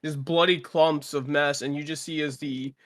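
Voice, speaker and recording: A man's voice: a little high, steady tone, moderate pace, a bit bright. A man with a slightly raised voice narrates a tabletop game as its game master. He talks casually and jokes often, with some swearing.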